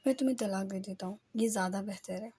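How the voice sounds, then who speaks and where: A woman's voice: mid-range voice, mellow, breathy edge. A woman voicing a short-tempered young married man who speaks harshly and impatiently in an audio novel. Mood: angry.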